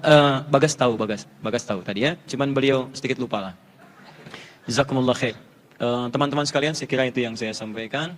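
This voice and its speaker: Playful preacher in echoing hall. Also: male voice, mid-range voice, slight background noise. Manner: playful teaching, drills letter sounds repeatedly. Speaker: Islamic preacher answering audience questions. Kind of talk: live Q&A lecture with audience demonstration. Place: large lecture hall with audience. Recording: long hall reverb.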